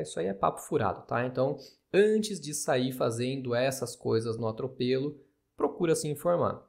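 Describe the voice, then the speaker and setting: A man with a Brazilian Portuguese accent talks casually as an astrologer hosting his own podcast. He has a gravelly, mid-pitched voice. He explains points in a chatty, skeptical manner, often checking in with the listener. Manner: chatty, skeptical, with frequent tag questions.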